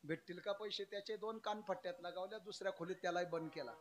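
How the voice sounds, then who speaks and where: A man preaching through a folk story, emphatic, moving between loud declaiming and low narration and acting out the characters' lines. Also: fairly even intonation, fast talker, muffled recording, a little hiss or hum. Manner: acts out characters' dialogue in changed voices. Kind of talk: storytelling sermon.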